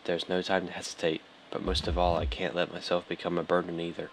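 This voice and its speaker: A man's voice: deep voice, completely flat delivery, fast talker, a little hiss or hum. A man hosting a let's play, reading the game text aloud in an offhand, dry way, stumbling over lines, with game music behind.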